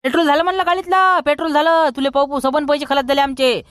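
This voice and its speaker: A man's voice: very high voice, flat delivery, dry recording. A man with a Vidarbha Marathi accent playing a broke village man who scolds everyone in a rustic comedy sketch. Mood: scolding. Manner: scolding, rapid and loud.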